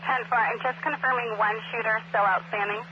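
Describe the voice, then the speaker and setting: A woman's voice: on the high side, fairly even intonation, brisk. A woman working as a police dispatcher, speaking in clipped, procedural phrases over police radio. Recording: noisy, dull police radio scanner audio.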